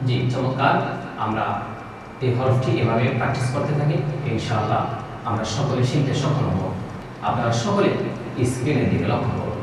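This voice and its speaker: A man's voice: medium pitch, expressive, very noisy. Man teaching Quran pronunciation, echoey distance. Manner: patient, drawn-out sung letter demonstrations. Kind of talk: televised Quran pronunciation lesson.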